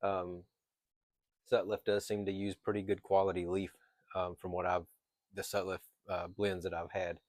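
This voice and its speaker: A man with a fairly low voice talks through an unscripted review in a casual way. He often pauses mid-thought and feels his way to the next phrase. The sound is dry, with very little room in it. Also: flat delivery, a little mellow, no echo. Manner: hesitant, pausing mid-thought, thinking aloud. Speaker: pipe tobacco reviewer.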